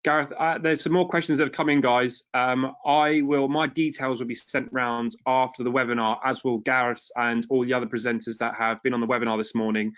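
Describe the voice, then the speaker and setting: A man hosting a webinar, thanking the presenter and briskly reading out viewer questions. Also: mid-range voice, little pitch movement, fairly bright tone, dull audio. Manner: friendly, brisk, reads out questions. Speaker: webinar host.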